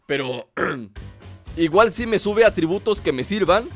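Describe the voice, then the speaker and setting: A man commentating his gameplay, joking and taunting enemies in mock-villain fashion, shouting during fights. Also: high-pitched, animated, slow, soft background music. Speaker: gameplay streamer.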